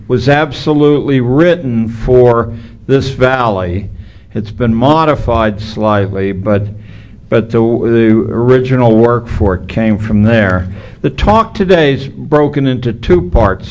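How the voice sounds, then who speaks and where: Man, public lecture, slight lisp, repeats words when starting, mid pitch. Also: darkish tone. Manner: hesitant starts, slight lisp from missing teeth. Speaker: keynote speaker.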